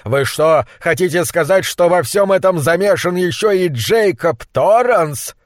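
Мужчина читает язвительного учёного-монстролога. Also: male voice, sits high, expressive, a little slow, no room sound, clean studio sound. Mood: scornful. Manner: acid, sardonic. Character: brilliant bitter male monster scientist, sarcastic.

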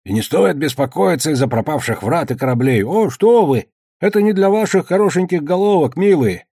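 A man voicing a hoarse, sneering man who mockingly imitates an old official. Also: on the high side, lively intonation, fairly quick, mellow, no room sound, clean studio sound, pitched above the performer's own voice. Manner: mocking, mimicking.

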